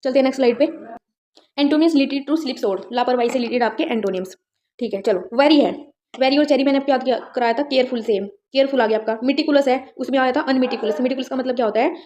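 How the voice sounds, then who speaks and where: A woman's voice: high voice, quick pace, darkish tone, slight background noise. A woman teaching an exam-prep vocabulary lesson, explaining words with memory tricks and often checking that students follow. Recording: dull, lo-fi sound.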